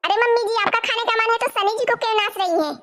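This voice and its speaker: A woman's voice: very high-pitched, fast talker, a bit bright. A woman voicing a sassy young daughter-in-law. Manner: snappy, sarcastic back-talk. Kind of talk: cartoon voice acting.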